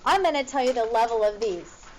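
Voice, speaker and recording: A woman's voice: a little high, animated, brisk, a little hiss or hum, low-quality recording. A woman teacher talking to her class in an informal, directive way as she works through math examples. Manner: informal, directive, checking students follow along.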